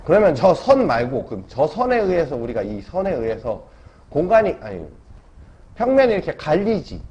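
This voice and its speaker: A lively male math teacher lectures casually at normal speed in a fairly high voice. He often checks in with his students using tag questions. The classroom recording sounds dull and lo-fi, with faint noise.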